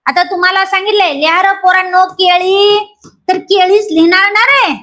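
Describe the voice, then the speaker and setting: A woman from Maharashtra with a teaches a grammar class for exam aspirants. Her voice sits very high. She keeps quizzing the students and repeats each rule until it sticks. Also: a little fast. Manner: lively, questions students and repeats key points.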